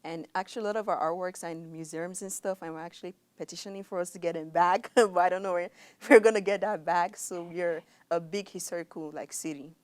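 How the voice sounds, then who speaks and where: Young Nigerian-accented woman, lowish pitch, easygoing interview guest. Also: a little fast, few pauses, no echo. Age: young adult. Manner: relaxed, laughs easily. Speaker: nursing student guest. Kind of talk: casual interview answers.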